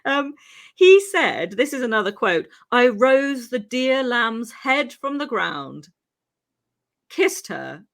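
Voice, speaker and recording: Slow and sing-song, with a slightly high, somewhat bright voice, this woman from Wales co-hosts a podcast and recounts a true crime tale. Her delivery is chatty and full of laughter, ums and side remarks, her English faintly Welsh.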